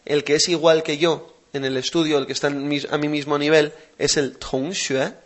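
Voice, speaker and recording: A man hosting a language lesson podcast, explaining slowly and patiently and repeating words for practice. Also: a little high, little pitch movement. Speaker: language teacher and podcast host.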